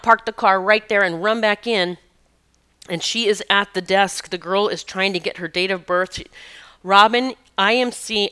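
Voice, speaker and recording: Bright, crisp-voiced woman telling a story. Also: mid-range voice. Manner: emotional, earnest, with frequent restarts and laughs. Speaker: podcast host. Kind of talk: personal storytelling monologue.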